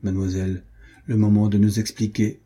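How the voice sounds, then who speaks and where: A man voicing a cunning baron who bargains coolly, measured and calculating, in a storybook reading. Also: lowish voice, little pitch movement, warm tone, husky. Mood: scheming.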